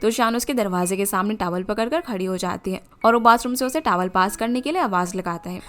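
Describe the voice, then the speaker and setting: A woman retelling the plot of a drama series as a scripted narration, in an even storytelling manner. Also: medium pitch, quick pace, faint music behind. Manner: steady retelling of plot in the third person.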